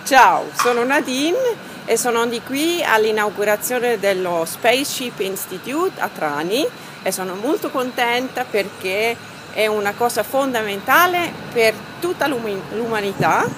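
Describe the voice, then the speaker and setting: A woman's voice: a little high, expressive, moderate pace. A woman in her forties giving an enthusiastic, emphatic on-camera statement outdoors. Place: outdoors by a wall. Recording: outdoor traffic noise.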